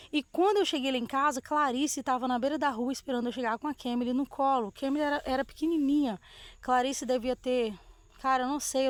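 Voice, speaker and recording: A woman's voice: high-pitched, no room sound. A middle-aged woman from Brazil, hosting and telling a personal story to her viewers with emotion and lots of diminutives. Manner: emotional, uses many diminutives. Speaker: host. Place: outdoors, dogs and sky in view.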